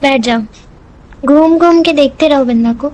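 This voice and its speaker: A woman's voice: high-pitched, unhurried, darkish tone. A young woman chatting casually as a gaming teammate, anxious and full of questions. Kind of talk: casual gameplay chat.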